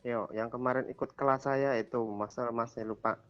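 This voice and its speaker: A man's voice: medium pitch, steady tone, moderate pace, muffled recording, soft background music. A man teaching a language class over a video call, quizzing students and patiently repeating their answers. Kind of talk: online class lesson.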